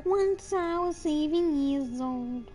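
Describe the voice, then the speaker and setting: A young woman with a high, mellow voice sings along unhurriedly over faint background music. She chats with her stream viewers in a casual, youthful way. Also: takes it slowly. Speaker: livestreamer. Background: music playing.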